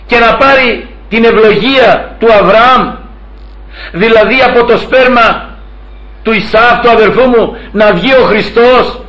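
Older male preacher doing a humble young man pleading with God, high-voiced, sighing, dull lo-fi sound. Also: echoey room, natural voice. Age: 60s. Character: humble young man Jacob yearning for God's blessing. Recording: dull lo-fi recording.

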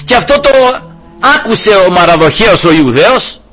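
A man's voice: high voice, sing-song, pushed and bright, slightly rough, faint music behind. A male preacher giving a sermon, telling a Bible story and calling his listeners brothers.

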